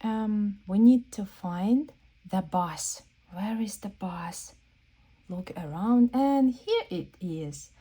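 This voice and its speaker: Slow and expressive, a woman with a medium-pitched, mellow, slightly rough voice reads a picture book aloud to young children as a read-aloud host. She prompts them to look and asks simple, repeated questions in a playful question-and-answer style, keeping her language simple and repetitive for small kids.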